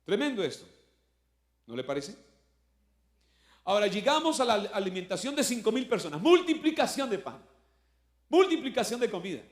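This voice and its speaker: A male pastor preaches in a notably high voice. He talks to the congregation conversationally, full of rhetorical questions, and swells with force when he quotes scripture. The recording sounds echoey, as in a roomy hall. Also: sing-song, normal speed, long pauses. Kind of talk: sermon.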